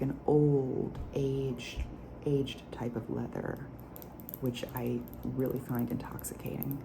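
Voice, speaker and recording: A woman speaking in a soft, hushed, near-whispered ASMR voice as she gives a product review. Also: sits low, gravelly, noisy background. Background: nail tapping.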